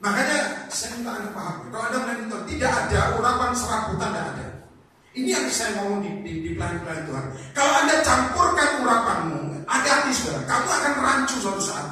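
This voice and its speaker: A man preaching a lively sermon, blunt and animated, calling on the congregation to answer amen. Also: very high voice, fast, faint music behind. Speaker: evangelist preacher. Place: church hall in Jakarta. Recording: echoey hall, distant mic, faint noise.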